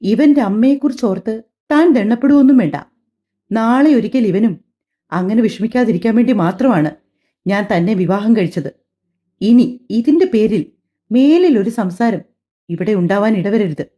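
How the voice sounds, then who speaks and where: A woman's voice: on the high side, expressive, a little fast, dark tone, lightly acted. A woman voicing a stern young husband who talks in a curt, commanding way, in an audio drama recorded on slightly dull lo-fi audio. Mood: angry. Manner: curt, firm, scolding.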